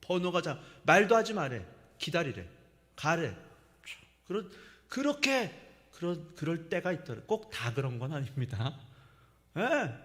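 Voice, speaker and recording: A man's voice: fairly high pitch, a little slow. Middle-aged pastor guy preaching, acts out quotes, voice jumps all over, big echoey sanctuary. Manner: animated storytelling, acts out quoted lines. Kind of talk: sermon. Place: church sanctuary. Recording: long church reverb.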